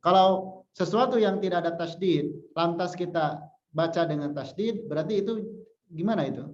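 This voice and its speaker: A man's voice: high voice, a little mellow. A male religious teacher giving a Quran recitation lesson, patiently repeating syllables to show correct pronunciation. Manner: chants example verses slowly. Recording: echoey room, dull lo-fi sound.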